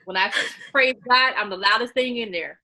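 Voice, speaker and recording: Heard over poor audio, a woman in her late forties talks at a normal pace in a voice on the high side that is loud by nature. As a casual interview guest, she sounds earnest and a bit sermonizing, circling back to the same points.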